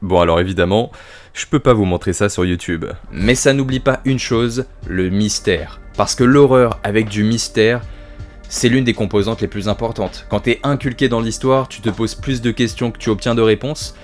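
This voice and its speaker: A man with a fairly low voice talks through his favourite horror series in a casual video review. He swears freely and mocks himself, piling on enthusiasm. Faint music plays under him. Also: normal speed. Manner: sweary, self-mocking, enthusiastic.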